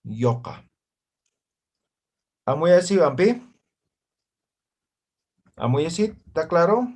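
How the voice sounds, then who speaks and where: Online class teacher, male, patient and repetitive, slow delivery, video-call sound. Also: a little high, sing-song, darkish tone. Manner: slow, repeats words and checks with "¿ya?" and "¿no ve?". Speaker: Aymara language teacher.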